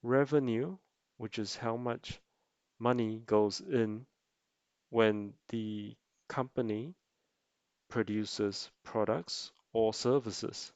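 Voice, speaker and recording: A man narrating an explanatory tutorial as an amateur presenter, speaking haltingly in short phrases. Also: lowish voice, fairly even intonation, darkish tone, no echo, lo-fi sound. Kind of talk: explanatory investing tutorial voice-over.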